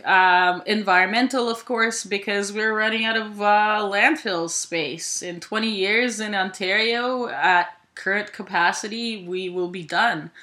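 Low-voiced bright woman from Ukraine. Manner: thoughtful, with frequent "uh" and self-corrections. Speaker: volunteer with a food sharing group. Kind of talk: casual interview answers.

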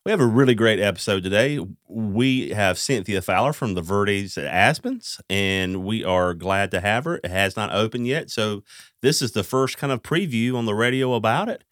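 A man's voice: lowish voice, lively intonation, moderate pace, fairly bright tone, no echo, studio quality. A man hosting a podcast, chatting casually with fillers and restarts. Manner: conversational, lots of fillers and restarts. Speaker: podcast host. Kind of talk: casual interview chat.

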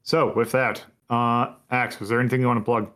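A man hosting a casual podcast, talking in a relaxed, rambling way with plenty of fillers. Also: medium pitch, a little fast. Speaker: podcast host. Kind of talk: casual chat.

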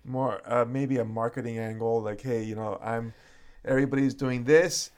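A man's voice: medium pitch, steady tone, moderate pace, a little mellow. A man talking in a casual conversation about martial arts, thoughtful and hedging, with many fillers.

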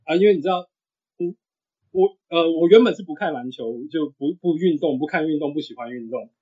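A man in his thirties with a husky voice, chatting casually as a sports podcast guest. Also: a little high, a little fast. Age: 30s. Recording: dull, lo-fi audio.

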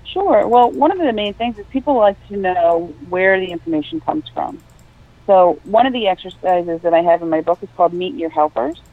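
A woman's voice: on the low side, expressive, normal speed. A middle-aged woman explaining things conversationally as an interview guest. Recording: tinny phone-line sound.

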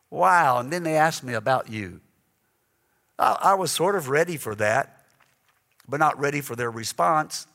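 An earnest man preaching from the pulpit in a slightly higher voice than most men. His speech often stumbles into repeated words as he tells his story. A long reverb hangs behind him, as in a big church hall. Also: pushed and bright. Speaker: guest preacher. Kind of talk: sermon storytelling. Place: church sanctuary.

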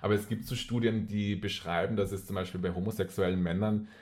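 A man's voice: lowish voice, fairly even intonation, quick pace, a little mellow. A man with an Austrian accent talking casually and personally as an interview guest, repeating phrases for emphasis.

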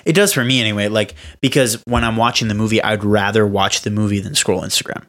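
Young male podcast co-host, lowish voice, rambling casual chat with many fillers. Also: fairly even intonation, fast, fairly bright tone. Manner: rambling, full of "like" and restarts.

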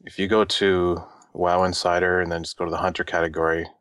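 Flat, low-voiced man, matter-of-fact. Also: fairly quick, clear, resonant tone, no room sound, clean studio sound. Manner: matter-of-fact, hesitant with fillers. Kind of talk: casual gaming podcast chat.

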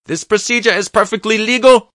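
A man voicing a panicked male doctor with a foreign accent, in a shrill, screaming voice. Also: expressive, a little fast, pushed and bright, no echo, studio quality. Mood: frantic. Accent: foreign accent, unplaced.

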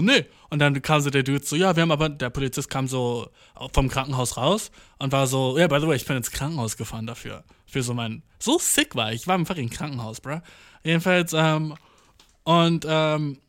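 A man's voice: a little high, brisk, a bit bright. A young man telling rambling everyday anecdotes in a casual, slangy way, swearing and mixing in English words. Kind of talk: casual storytelling monologue.

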